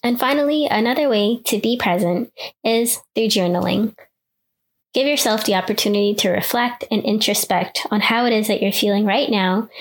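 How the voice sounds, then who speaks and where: Soothing woman guiding meditation like a sleep-story narrator. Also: mid-range voice. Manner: soothing, unhurried, gently instructing. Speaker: podcast host, meditation guide.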